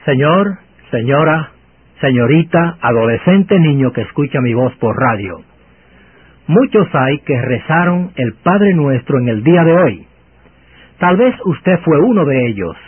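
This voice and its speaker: A man preaches over a radio, the sound thin and band-limited. His voice is rough and husky, with wide swoops of pitch. He delivers the sermon deliberately and emphatically, like an orator posing questions. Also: sing-song, dry recording. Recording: over a radio, narrow phone-like band, muffled.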